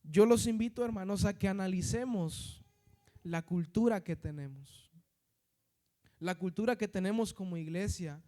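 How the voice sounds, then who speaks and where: A man with a northern Mexican accent delivers a sermon in a notably high voice. He preaches in a chatty way, constantly tagging his sentences with questions and addressing the congregation as brothers and sisters. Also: moderate pace, warm tone.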